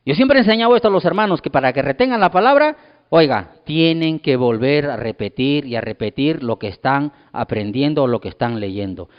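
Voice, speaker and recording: A pastor preaching a sermon, emphatic and repetitive, firing rhetorical questions at the congregation. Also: male voice, mid-range voice, animated, a little fast. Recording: dull lo-fi sound with long hall reverb.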